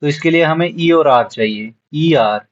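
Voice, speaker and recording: A man's voice: on the high side, normal speed, lo-fi sound. A man teaching a beginners' lesson, spelling out words letter by letter and repeating them patiently. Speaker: shorthand teacher. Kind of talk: classroom lesson.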